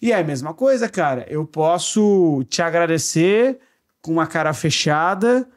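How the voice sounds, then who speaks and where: A man's voice: fairly high pitch, animated, a little slow. A man co-hosting a podcast, explaining in casual chat and acting out playful examples. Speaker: podcast co-host.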